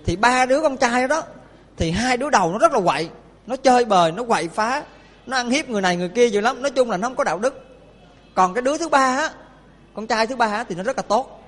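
A man's voice: very high voice, lively intonation, fast talker, a bit bright. A man, a monk telling a story in a sermon and often questioning his audience. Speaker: Buddhist monk preacher. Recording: long hall reverb.

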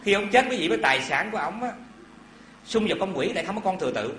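Animated man preaching. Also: high-pitched, quick pace, a little hiss or hum. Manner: animated folksy storytelling with asides to listeners. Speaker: Buddhist preacher. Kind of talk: dharma talk storytelling. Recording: echoey hall with faint ambience.

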